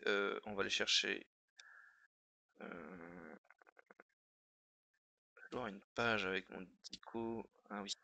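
A man's voice: fairly low pitch, gravelly, bright, forceful tone. A man on a casual live stream thinking aloud as he edits a dictionary wiki. He mutters and repeats words to himself while he works and chats to his viewers in between.

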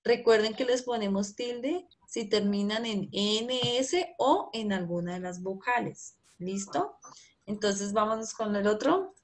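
A woman's voice: medium pitch, measured pace. A woman, a primary school teacher patiently coaxing answers from children in an online class over a video call.

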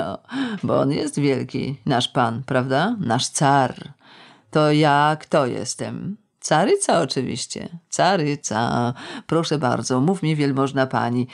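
A woman's voice: low voice, creaky, heavily acted. Reader voicing a bitter, mocking tipsy woman. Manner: sardonic, ironic, with drawn-out slow words. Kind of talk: audiobook character reading.

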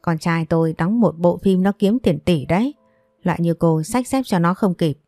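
A woman's voice: lowish voice, moderate pace, no echo, studio quality, faint music behind, close to an everyday voice. A woman voicing a scornful, nagging older mother-in-law who complains theatrically. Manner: sharp and wailing, theatrical complaints.

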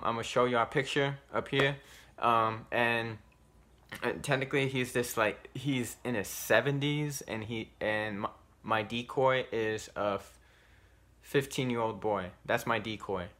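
A man's voice: mid-range voice, fairly even intonation, slow, bright, forceful tone. A man hosting a casual vlog intro, talking in a rambling, filler-heavy and nervous way. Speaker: YouTube reaction host.

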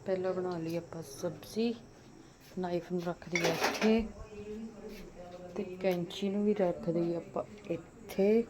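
A woman's voice: on the low side, fairly even intonation, measured pace, pauses often. A woman with a Punjabi accent vlogging casually, chatting to viewers and to herself as she goes about things. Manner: chatty, talks to herself while busy. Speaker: home vlogger. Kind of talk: casual vlog chat, narrating as she goes. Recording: noisy handheld home-video sound.

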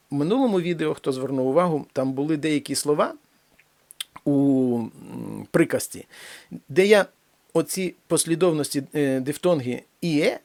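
A man's voice pitched a little above the usual, giving a pronunciation lesson. He talks slowly and deliberately and says each example word again and again so learners can hear it clearly. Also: a little mellow. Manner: slow, deliberate, repeats example words. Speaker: language teacher.

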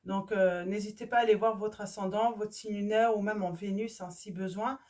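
A woman with a hoarse voice reading tarot cards for her viewers, casual and hesitant, often stopping to search for words. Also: medium pitch, steady tone, moderate pace, a little mellow, recorded from a distance. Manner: hesitant, many fillers and restarts. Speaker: tarot reader. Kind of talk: casual card-reading video.

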